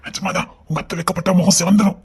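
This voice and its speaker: A woman's voice: lowish voice, steady tone, very fast, a little mellow, slightly rough, voice pushed down. A woman doing a teasing old father-in-law with a Tirunelveli accent. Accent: Tirunelveli Tamil. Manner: teasing, chuckling.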